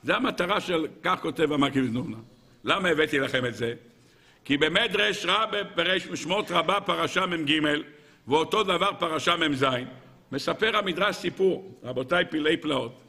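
A man teaching as a rabbi, telling a parable in a lively way and asking his audience rhetorical questions. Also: on the high side, vocal fry. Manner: lively storyteller who acts out characters. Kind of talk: Torah lesson with a parable.

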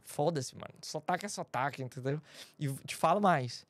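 Animated storytelling man, dry sound. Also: on the high side, normal speed, dry recording. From Brazil. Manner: animated, acts out quoted dialogue, slangy. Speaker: podcast guest, design lead. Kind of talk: casual storytelling chat.

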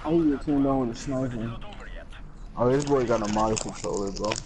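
A man with a medium-pitched voice talks in casual, bro-heavy slang during an online game. The party chat recording is clearly noisy. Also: moderate pace. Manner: slangy, says bro constantly. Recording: noisy gaming headset chat.

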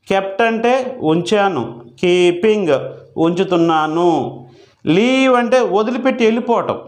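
A man teaching spoken English, slowly drilling each verb form with patient, repeated explanations and everyday examples. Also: high voice. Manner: slow repetitive drilling of verb forms. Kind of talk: Telugu-language English lesson.

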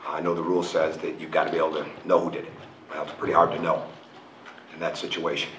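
A man's voice: extremely low pitch, level tone, quick pace, fairly bright tone, a little hiss or hum. A middle-aged man, a basketball coach, answering reporters frankly at a post-game press conference, often repeating and restarting his phrases. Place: press room in front of a logo backdrop. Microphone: table mic on a stand. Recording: roomy, picked up from a distance.

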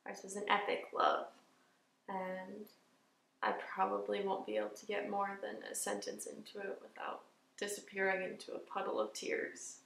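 A young woman acting a dramatic monologue as a grieving, tender young woman eulogizing her beloved, with halting, emotional delivery. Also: mid-range voice, completely flat delivery, creaky, a bit bright. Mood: tender grief. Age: young adult. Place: indoor studio with dark backdrop. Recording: roomy echo, slightly distant mic.

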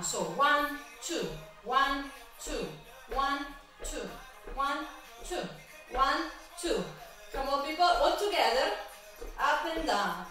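A woman's voice: high voice, sharp tone. A woman instructor leading a guided exercise class, encouraging and counting repetitions aloud. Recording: echoey room, from far off, faint music.

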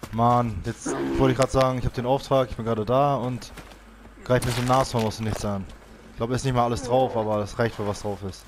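A young man talks through his gameplay in casual, exasperated bursts, at a mid pitch. Clear game noise runs under his voice. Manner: frustrated, exclaiming, shouts high-pitched for help in panic. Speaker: let's play gamer. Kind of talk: let's play commentary.

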